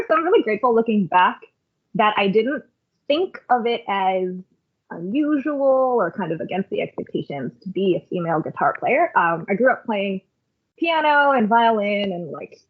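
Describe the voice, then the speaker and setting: On what sounds like a phone call, a Canadian worship leader guesting on a podcast tells casual, reflective stories packed with "like" and "um." She talks at normal speed in an animated, mid-range voice.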